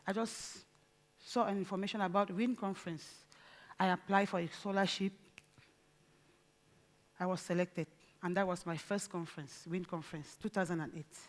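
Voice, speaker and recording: A woman's voice: fairly low pitch, steady tone. Earnest Cameroonian woman giving a speech. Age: 40s. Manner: earnest, deliberate, pauses mid-phrase. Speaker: conference speaker. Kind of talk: conference speech. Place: conference stage.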